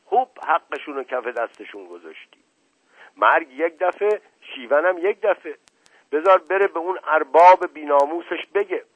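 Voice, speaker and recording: Rustic old manservant, husky and raised high, put on by a male reader, lo-fi radio. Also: animated, no room sound. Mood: rousing. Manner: rustic colloquial talk, pious exclamations. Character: folksy old male servant, flattering and superstitious. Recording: dull lo-fi radio recording.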